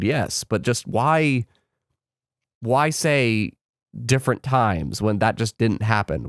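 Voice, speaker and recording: A man with a medium-pitched voice speaks in the manner of a vlogger. He gives casual, opinionated commentary straight to his viewers, rambling conversationally, in a dry recording with little room sound. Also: no room sound. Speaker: gaming vlogger, channel host.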